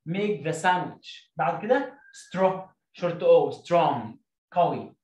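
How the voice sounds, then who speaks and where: A man with an Egyptian Arabic accent, teaching a lesson. He says example sentences slowly, explains in quick bursts, and sounds words out syllable by syllable. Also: on the high side, animated, darkish tone. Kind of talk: classroom-style explanation. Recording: echoey room.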